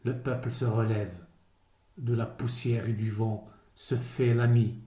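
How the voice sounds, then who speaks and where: In a roomy space where the words echo noticeably, a man with a mid-range voice and fairly even intonation recites a poem very slowly. He's a poet whose mellow, soft-edged voice carries a solemn, grave, measured delivery broken by pauses.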